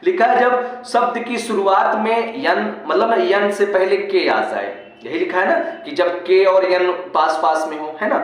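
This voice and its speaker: A man teaching English pronunciation rules in a lesson, repeating each rule slowly and asking often whether the class understands. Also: high-pitched. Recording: very echoey room.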